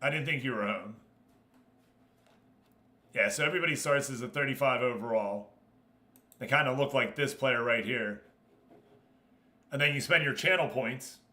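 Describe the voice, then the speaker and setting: A US-based live streamer talks casually while commentating on a game, alternating between speaking to viewers and explaining. His medium-pitched, sharp-toned voice moves at a moderate pace with long pauses.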